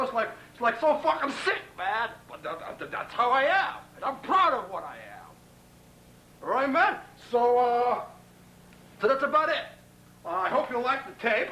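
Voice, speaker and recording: On a hissy, distant 1990 camcorder tape shot from a tripod in his roomy apartment bedroom, a Brooklyn man rambles profanely to a pen pal. His voice sits high and sounds bright and forceful. He boasts, threatens, stutters through restarts and keeps saying "man."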